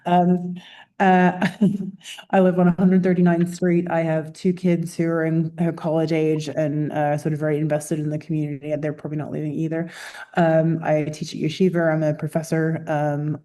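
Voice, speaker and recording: A middle-aged woman professor from the UK introducing herself quickly and cheerfully over a video call. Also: sits low, monotone, mellow. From United Kingdom. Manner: quick and upbeat, laughs easily.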